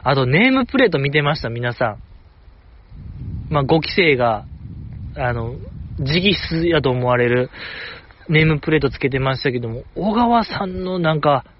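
The audio is dull, and the host's voice is fairly high. He runs a casual solo podcast, rambling enthusiastically like a fan and making soft self-deprecating jokes.

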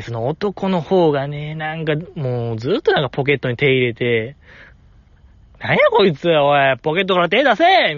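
Solo podcast host, male, highish voice, dry dull recording. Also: dry recording. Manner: rambling, animated, with frequent laughs. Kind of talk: casual solo chat.

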